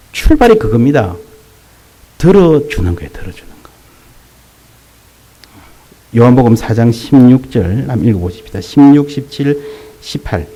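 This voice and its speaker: A man's voice: mid-range voice, low-quality recording. A man preaching a sermon as a pastor, talking directly to the congregation, mixing jokes with emphatic points. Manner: lively, rising to emphatic peaks, with jokes and asides to the congregation.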